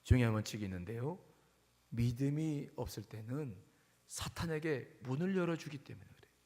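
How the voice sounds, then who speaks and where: A male pastor preaching a sermon emphatically, questioning the congregation and moving between loud and hushed delivery. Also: medium pitch, expressive, moderate pace. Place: church sanctuary. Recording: long hall reverb.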